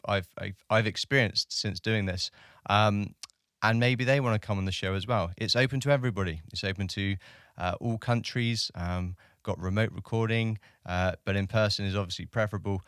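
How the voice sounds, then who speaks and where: Podcast host, man, chatty and friendly, low smooth voice. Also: fairly bright tone, no room sound, studio quality. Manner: friendly, chatty with frequent fillers. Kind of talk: casual podcast chat.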